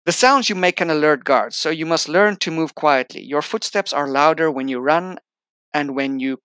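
With no room sound, the recording captures a clear, resonant, slightly bright male voice on the high side, moving at a moderate pace. The young streamer, who isn't a native English speaker, reads out the game's tutorial text and then slips into casual let's-play chatter.

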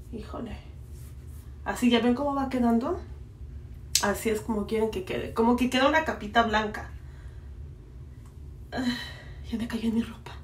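Casting a Mexican woman, playful beauty vlog chat, echoey room, distant mic. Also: on the high side. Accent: Mexican Spanish. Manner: chatty, playful, addresses viewers directly. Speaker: beauty vlogger. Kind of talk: casual chat while applying a face mask. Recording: echoey room, mic far off, faint noise.

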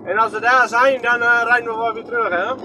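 Over background noise, a man with a Groningen accent keeps up casual driving commentary, holding his phone and quizzing himself as he rambles on. The vlogger's voice is very high-pitched, brisk, and fairly even in intonation.

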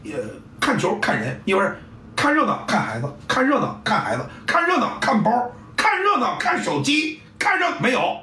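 A middle-aged football coach talks at normal speed in a very high, pushed, bright voice whose pitch swoops wildly, with a little hiss or hum. Blunt and salty, he acts out scenes and sounds in a roomy recording from a distant mic with faint ambience.

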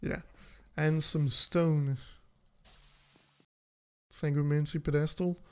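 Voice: medium pitch, little pitch movement, slow pace, fairly bright tone, clean tone. A game streamer giving casual, chatty commentary to viewers while playing, laughing often.

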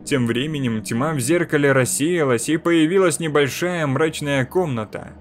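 A man's voice: fairly high pitch, normal speed, slight background noise. Man narrating a horror story. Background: faint music.

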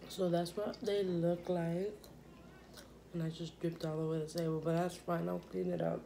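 A woman's voice: lowish voice, flat delivery, moderate pace, gravelly, mellow, a little hiss or hum. A young woman chatting casually while eating on camera, rambling with lots of fillers and talking with her mouth full. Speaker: vlogger.

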